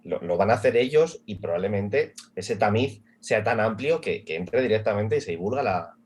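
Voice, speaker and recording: A man's voice: lowish voice, lively intonation, normal speed, darkish tone, slightly rough. A man explaining his point in a casual panel discussion, in a colloquial way. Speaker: panel guest.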